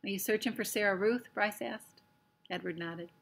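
A woman reads a children's storybook aloud, her mid-range voice carrying a slight gravelly texture. She narrates gently and expressively, lifting into small character voices as the story goes. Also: mid-range voice, normal speed.

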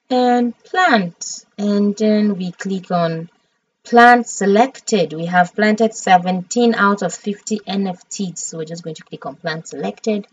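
A woman's voice: medium pitch, no echo, recorded from a distance, muffled recording. A Nigerian woman streaming a farming game, chatty and dramatic as she talks through each step.

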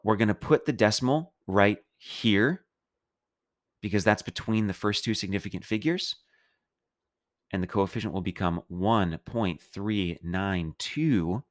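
A man teaching a recorded chemistry math lecture, explaining steps in a casual, playful way. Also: sits low. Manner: casual, playful explaining with a loose, chatty delivery. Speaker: chemistry instructor.

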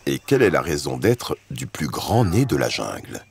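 A man's voice: extremely low pitch, big pitch swings, normal speed, gravelly, crowd noise. A man presenting and narrating a nature documentary in a scripted style.

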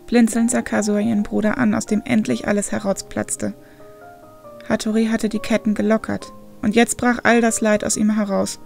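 A woman reading a story aloud in a calm, measured narrating voice. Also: medium pitch, gravelly, soft background music. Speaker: audiobook reader.

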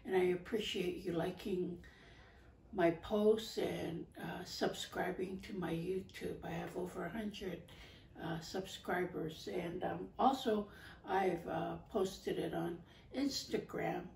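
A middle-aged woman from Hawaii talking casually to camera about her ukulele videos, pausing often with fillers. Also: on the low side, fairly even intonation, gravelly, darkish tone, a little hiss or hum. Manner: halting, many fillers, gestures while talking. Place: living room, indoors. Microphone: far camera. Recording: echoey room from a distance.

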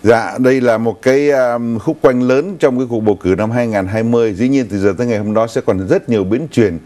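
A man's voice: mid-range voice, a little fast, mellow. An older man co-hosting a news talk show in a TV studio, recounting stories unhurriedly with some fillers.

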